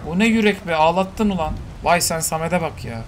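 A man's voice: fairly high pitch, expressive, fairly quick, soft background music. A man giving joking, slangy commentary while playing a video game. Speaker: gaming YouTuber. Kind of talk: casual gameplay commentary.

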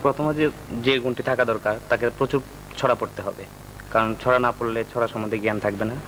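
A man's voice: mid-range voice, steady tone, quick pace, fairly bright tone. A man with a Bangladeshi accent giving explanatory answers as a poet guest in a television studio interview. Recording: noisy old TV studio tape.

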